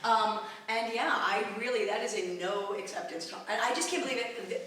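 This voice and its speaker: A woman's voice: medium pitch, fairly quick, fairly bright tone, slight background noise. A woman comedian on a panel, talking casually with emphatic, self-mocking asides. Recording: echoey room, distant mic.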